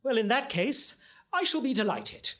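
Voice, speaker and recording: Comic radio sidekick: a man doing a vain, self-important doctor, high and lively voice. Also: normal speed, full character voice. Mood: pompous. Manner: pompous, boastful. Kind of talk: comedy audio drama.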